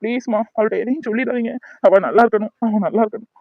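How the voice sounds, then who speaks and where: A man's voice: high-pitched, quick pace, dry recording, phone-quality sound. A man voicing a dying young cartoon hero. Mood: pained. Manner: pained, pleading, resigned. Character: gravely injured young man, weak and pained. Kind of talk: cartoon voice acting.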